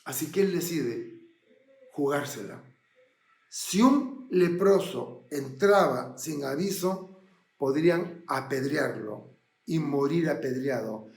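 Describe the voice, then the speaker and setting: A man preaching a sermon with dramatic storytelling, dropping to a hush and then rising loud. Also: on the high side. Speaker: pastor. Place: church. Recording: roomy church hall.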